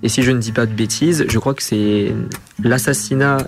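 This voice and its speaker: A man's voice: mid-range voice, steady tone, normal speed. A man on a radio show answering a question tentatively, hedging with fillers. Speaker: radio guest. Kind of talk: casual chat.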